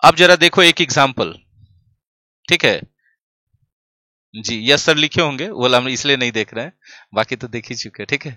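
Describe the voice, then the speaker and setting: Bright-voiced playful tutor man. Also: mid-range voice, moderate pace, long pauses, no room sound. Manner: playful, teasing, asks the class questions. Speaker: English grammar teacher. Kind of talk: online class, joking with students. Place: classroom studio, standing at a desk.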